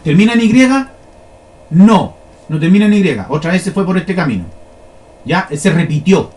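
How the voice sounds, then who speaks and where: A man's voice: high voice, animated, normal speed, darkish tone. A man teaching a lesson, explaining step by step and often checking that his listeners follow. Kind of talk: classroom lesson on flowcharts.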